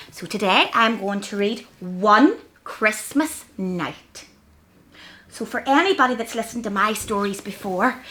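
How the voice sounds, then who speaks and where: A woman's voice: mid-range voice, a bit bright, pitched below the performer's own voice, lightly acted. Woman playing an overbright kids' party host elf. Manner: overbright children's party host, sing-song address to small children. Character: Santa's little helper elf, cheery young woman greeting children. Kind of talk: children's story-time presenting.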